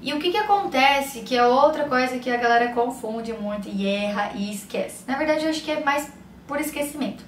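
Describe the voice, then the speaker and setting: A Brazilian woman with a fairly high voice walks her students through English grammar, pausing to check they follow. She speaks a little away from the mic in a roomy space. A faint hum sits under her voice. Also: far from the mic. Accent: Brazilian Portuguese. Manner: explains patiently, checks in with "tá?" and "beleza?"; says English examples slowly and clearly. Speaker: English teacher.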